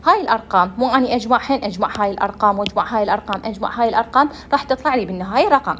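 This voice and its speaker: A woman's voice: fairly high pitch, rapid-fire, fairly bright tone, a little hiss or hum. A young woman with an Iraqi Arabic accent giving a medical lecture, explaining step by step and answering her own questions.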